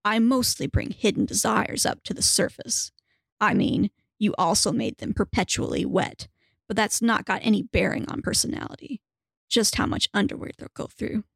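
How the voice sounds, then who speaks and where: A woman's voice: mid-range voice, normal speed, gravelly, breathy edge, no room sound, studio quality. A woman voicing a mischievous female spirit who teases in a casual, offhand way. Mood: teasing. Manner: casual, teasing.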